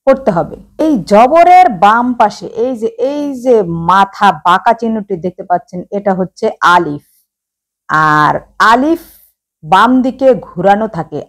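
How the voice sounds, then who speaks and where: A woman explains how to read letters in a slow, careful teaching voice, sounding out each syllable for the viewer. Her voice sits a little high and moves through a wide, sing-song range. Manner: addresses viewers directly, sounds out letters slowly. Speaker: Quran reading teacher.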